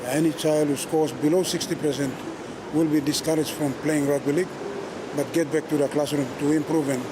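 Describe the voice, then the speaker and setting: Flat-voiced man. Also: on the high side, noisy background. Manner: halting, with many filler pauses. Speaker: schools rugby league official. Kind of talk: news interview soundbite.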